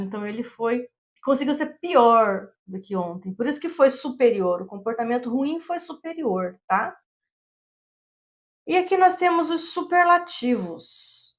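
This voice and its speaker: A woman teacher explaining English grammar step by step, often checking in with her students. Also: on the high side. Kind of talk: classroom lesson explaining grammar.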